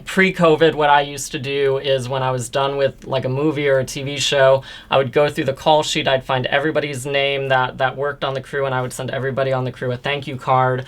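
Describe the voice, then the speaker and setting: A man in his thirties, a guest actor telling stories in a casual interview, open and quick, with playful quoted asides. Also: mid-range voice, little pitch movement, a bit bright. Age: 30s.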